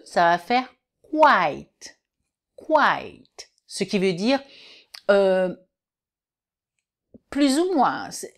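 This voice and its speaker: A woman teaching English vowel sounds in a patient online lesson, repeating each word slowly and clearly for learners. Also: fairly high pitch.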